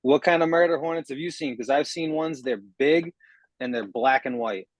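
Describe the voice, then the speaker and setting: A man's voice: fairly high pitch, moderate pace, dry recording, rough recording. A man with a Massachusetts accent co-hosting a podcast in easygoing, enthusiastic casual banter. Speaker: podcast co-host. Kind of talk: casual chat.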